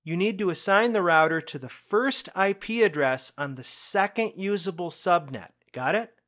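A man's voice: high voice, a bit bright. Upbeat man explaining slides. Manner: conversational, explanatory, quick bursts then slow emphasis. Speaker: IT certification instructor. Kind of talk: screencast lesson narration.

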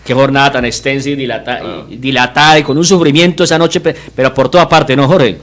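A man hosting a sports radio show, asking a guest questions in a lively, brisk way. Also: mid-range voice. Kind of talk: radio-studio interview.

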